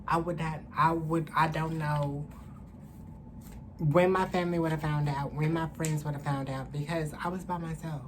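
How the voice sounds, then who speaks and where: In a low, steady voice at normal speed, a young adult woman vlogs from a small room, telling a story to camera candidly, casually, and with slang and profanity. The recording, made at arm's length indoors, has clearly noisy room ambience.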